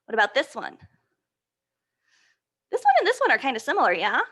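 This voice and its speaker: A woman presents an interactive picture-book storytime for young children, animated and encouraging, often asking questions and answering them aloud. Her voice sits high and runs a little fast.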